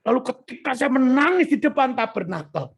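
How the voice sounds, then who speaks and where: Gravelly man with preaching. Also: extremely high pitch, normal speed. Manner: animated, keeps asking the audience for agreement. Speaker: lay preacher giving testimony. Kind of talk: storytelling sermon. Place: church fellowship meeting.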